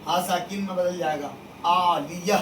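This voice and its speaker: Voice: medium pitch, fairly even intonation, unhurried, fairly bright tone. A religious studies teacher leading a call-and-response classroom drill, stating rules and quizzing the students with repeated questions. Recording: echoey room, distant mic, faint noise.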